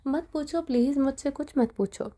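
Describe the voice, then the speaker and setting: A woman's voice: high voice, warm tone, natural voice. A woman voicing a pleading mafia man. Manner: pleading, emotional. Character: grown man, mafia leader, pleading and remorseful.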